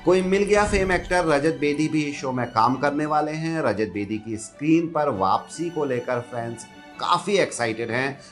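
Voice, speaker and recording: A man reading a scripted entertainment news roundup in an upbeat, gossipy way. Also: medium pitch.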